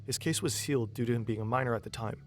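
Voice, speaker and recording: A man delivers scripted documentary narration in a medium-pitched voice. He works as the narrator, with a music bed running behind him. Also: very fast.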